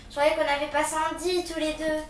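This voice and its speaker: A woman's voice: high voice, level tone, fairly quick, echoey room, recorded from a distance, a little hiss or hum, close to an everyday voice. A woman playing an irritated older sister who answers with snappy, impatient retorts. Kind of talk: amateur theatre acting.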